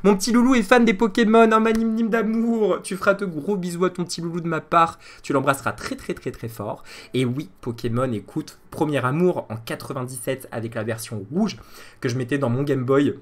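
A man in his thirties chatting casually with his live-stream viewers, animated and laughing at his own jokes. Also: fairly high pitch, a little fast. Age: 30s.

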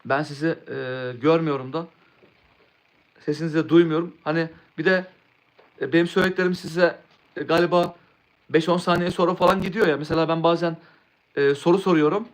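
Young man, a bit high-pitched, casually chatting to his live-stream viewers and often restarting his words. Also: fairly even intonation, brisk, pauses often. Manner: rambling, restarts words, answers chat.

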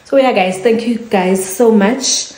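A woman's voice: on the high side, unhurried, darkish tone. A South African woman signing off her home vlog in a chatty way, repeating her thanks and trailing into fillers. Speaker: vlogger. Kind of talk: casual vlog sign-off. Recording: echoey room.

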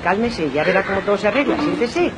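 A woman's voice: medium pitch, expressive, fast, a loud crowd, natural voice. An actress playing a kind, motherly woman who soothes a crying young man and ends up close to tears herself in a 1990s TV comedy. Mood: soothing. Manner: soothing, motherly, then tearful. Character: kind-hearted, weepy woman comforting a stranger.

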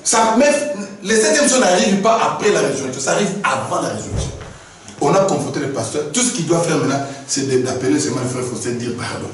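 Animated male preacher in an echoey hall. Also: on the high side, fast talker. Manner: animated preaching, acts out dialogues with shifting voices. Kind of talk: sermon. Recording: echoey room from far off, faint noise.

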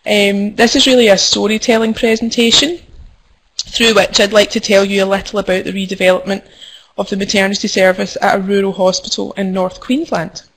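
A woman's voice: medium pitch, little pitch movement, fairly quick, a little hiss or hum, poor audio. Scottish woman giving an online talk. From Scotland. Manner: friendly, frequent ums, careful and formal in parts. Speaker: midwife presenter. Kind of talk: online conference presentation. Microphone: computer mic over web conferencing.

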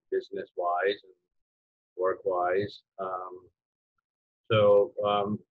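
A man's voice: lowish voice, no echo. A man in his fifties from Iran, a photographer, talking hesitantly with many fillers and restarts on a video call from home. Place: home room with dark curtain. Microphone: video call computer mic. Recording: dull lo-fi video call audio.

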